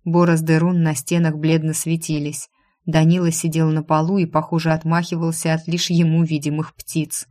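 A woman narrating a first-person fantasy novel in a steady, measured reading. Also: low voice. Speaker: audiobook narrator.

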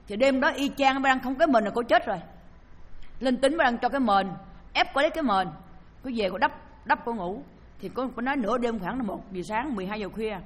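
Woman, Buddhist teacher, lively storytelling sermon, fairly high voice, long hall reverb. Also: breathy edge. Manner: lively storyteller who acts out voices and sounds.

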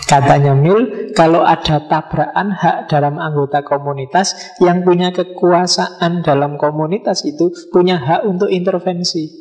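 A man's voice: a little high, steady tone, normal speed, a little mellow, rough recording. Man lecturing conversationally. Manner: conversational, explains with everyday examples, acts out little dialogues. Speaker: philosophy lecturer. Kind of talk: relaxed philosophy lecture.

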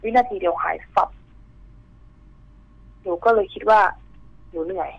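A woman's voice: fairly low pitch, a little slow, gravelly, darkish tone, breathy edge, dry recording. A woman calling in to tell a ghost story, earnest and polite, narrating in careful detail over the phone. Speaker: caller telling a ghost story. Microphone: telephone. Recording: muffled phone line.

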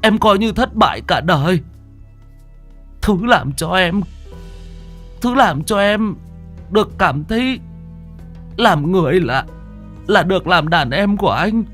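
A man voicing a devoted young gang henchman who is dying, speaking in weak, halting, broken phrases. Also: high-pitched, animated, fairly bright tone, faint music behind, voice pushed up, heavily acted. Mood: fading.

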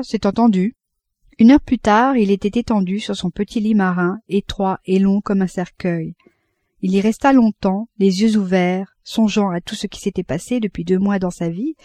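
A woman reading a classic novel aloud as audiobook narration, in a measured, unhurried manner. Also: mid-range voice, warm tone, no room sound. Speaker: audiobook reader.

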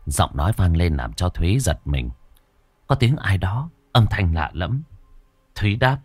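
A man narrating a horror story in a dramatic, expressive reading style. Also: deep voice, a little slow, slightly rough, dry recording.

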